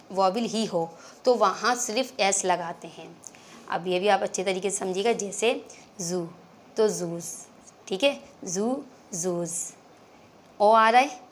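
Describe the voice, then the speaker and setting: Young female tutor, patient lesson delivery, repeats examples, mid-range pitch. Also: a little hiss or hum. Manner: patient, keeps checking in with "clear?" and "theek hai". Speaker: English grammar teacher. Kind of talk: explaining a grammar lesson.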